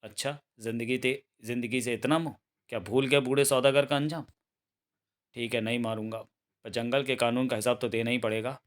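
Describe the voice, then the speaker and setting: A man's voice: medium pitch, steady tone, brisk, lightly acted. A man voicing a bold, fearless male jungle hero in a comic book read-aloud, speaking in a stern, commanding way.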